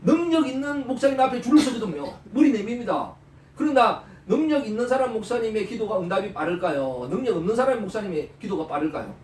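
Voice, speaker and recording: A male pastor preaching a sermon, animated, throwing out rhetorical questions and prompting the listeners. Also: sits high, slight background noise. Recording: roomy, from far off the mic.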